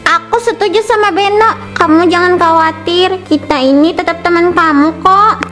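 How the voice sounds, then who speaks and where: A supportive teenage schoolgirl from a cartoon, played by a woman, earnest as she comforts a friend. Her voice is very high, with faint music underneath. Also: normal speed, fairly bright tone. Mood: reassuring. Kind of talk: cartoon voice acting.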